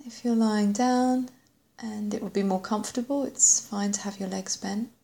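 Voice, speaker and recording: Very soft, mellow woman guiding meditation. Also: mid-range voice, fairly even intonation, gravelly. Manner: gentle, unhurried, with long pauses and trailing softly at phrase ends. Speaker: meditation guide. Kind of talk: guided body scan meditation.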